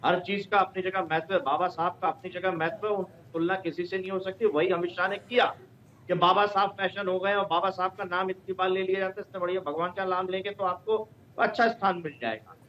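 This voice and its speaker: A man's voice: high-pitched, fairly even intonation, a little fast, dull audio. A man on a debate panel giving a pointed rebuttal.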